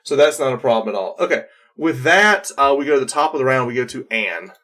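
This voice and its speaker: Male game master, medium pitch, casual and playful, narrating tabletop fantasy play. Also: lively intonation, fast, pushed and bright.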